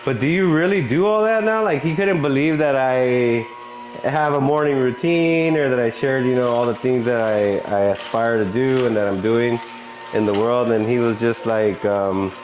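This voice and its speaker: A man's voice: medium pitch, moderate pace, darkish tone, a little hiss or hum, poor audio. A man giving earnest, encouraging talk in a motivational vlog. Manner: earnest and encouraging, with frequent laughs. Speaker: vlogger.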